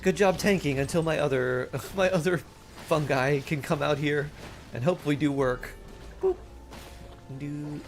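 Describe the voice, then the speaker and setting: A man's voice: on the high side, normal speed, faint music behind. A man streaming a game casually, thinking aloud and chatting to viewers, with playful sing-song sound effects.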